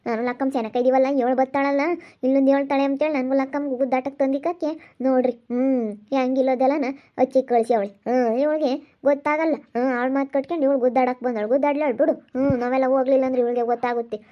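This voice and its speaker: A woman playing a quarrelsome, sharp-tongued village woman in an amateur skit. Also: high-pitched, steady tone, natural voice. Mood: scolding. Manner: scolding, rapid back-and-forth bickering. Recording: dull lo-fi audio.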